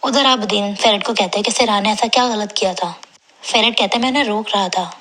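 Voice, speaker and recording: Female recap narrator: bright, breathy edge, brisk plain retelling. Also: medium pitch. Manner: brisk storytelling, reads characters' lines in her own plain voice. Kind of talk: retelling a TV drama episode.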